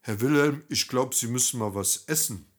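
A man's voice: medium pitch, moderate pace, fairly bright tone, breathy edge. A man voicing a huge bald giant of a man who talks bluntly and protectively. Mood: gruffly caring.

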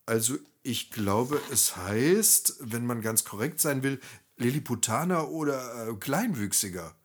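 A man's voice: mid-range voice, animated, a little slow, husky. A man voicing a tired, fussy middle-aged male chef who speaks hesitantly and pedantically. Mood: pedantic.

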